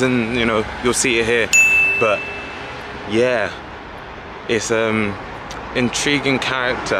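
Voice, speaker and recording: A young travel vlogger in his twenties walks through city streets, camera held at arm's length, chatting casually and enthusiastically in a medium-pitched voice. Loud outdoor traffic and street noise dominate the recording.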